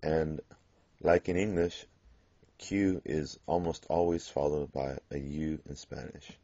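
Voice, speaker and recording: A man teaching a Spanish grammar lesson, explaining patiently and pausing on fillers as he works through examples. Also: a bass voice, steady tone, warm tone, no room sound. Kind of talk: classroom grammar lecture. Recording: dull lo-fi classroom recording.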